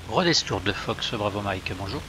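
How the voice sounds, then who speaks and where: A man making clipped, formal pilot radio calls into a cockpit headset, pausing now and then as he reads them out. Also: fairly low pitch, expressive, background noise. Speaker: simulator pilot. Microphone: headset mic.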